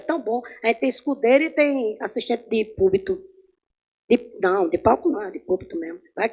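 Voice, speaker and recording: Woman, high voice, chatty Bible class teacher who quizzes her class. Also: husky. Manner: conversational, asks the class questions, swings between loud and soft. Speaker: Sunday school Bible teacher. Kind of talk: informal Bible class teaching with personal stories. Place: church.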